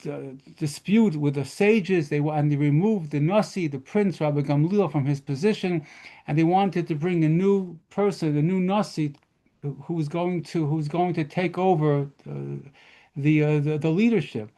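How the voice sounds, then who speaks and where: A rabbi telling lively stories at a model seder lesson, mixing in Hebrew terms. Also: male voice, fairly high pitch, moderate pace.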